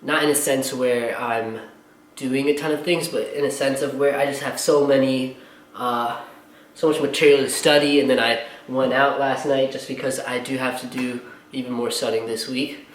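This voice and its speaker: A man's voice: mid-range voice, steady tone, normal speed, roomy sound, low-quality recording. A young man, a pharmacy student, talking casually and earnestly to camera, rambling with many fillers and a little out of breath. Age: young adult. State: slightly out of breath. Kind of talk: casual vlog talk to camera.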